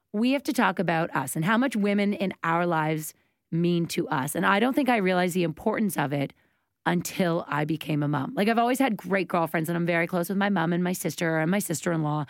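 A woman's voice: fairly low pitch, no room sound, clean studio sound. A woman in her late thirties co-hosting a podcast, talking candidly in a casual chat and laughing often. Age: late 30s. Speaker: podcast co-host.

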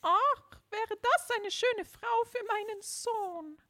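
A woman voicing a scheming, bossy old female toad in a fairy tale read aloud, with a shrill, fussy croak. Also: slow pace, sharp tone, no echo, full character voice. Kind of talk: storybook character voice.

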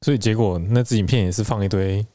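Mellow man with dry quips. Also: fairly low pitch, fast talker. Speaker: podcast co-host. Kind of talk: casual chat.

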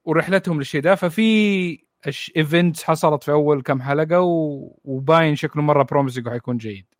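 Man, casual podcast host, relaxed, slightly higher voice, dry sound. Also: fast talker, no echo. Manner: relaxed, easygoing, laughs often. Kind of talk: casual chat about anime.

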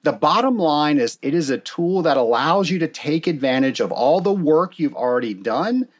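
A male podcast host talks in an upbeat, enthusiastic way as he introduces a guest and asks her questions. His voice sits fairly high and moves around a great deal in pitch. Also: expressive, moderate pace. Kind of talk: podcast interview.

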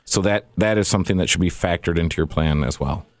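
A man, a financial planner on a radio show, giving steady advice. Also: sits low, fast, no room sound. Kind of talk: explanatory radio talk.

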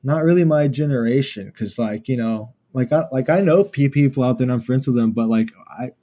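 Young male guest musician from Houston; relaxed, rambling delivery, warm mellow timbre. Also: mid-range voice, a little fast. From Houston, Texas, USA. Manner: laid-back, many fillers like "like" and "uh". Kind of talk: casual interview chat.

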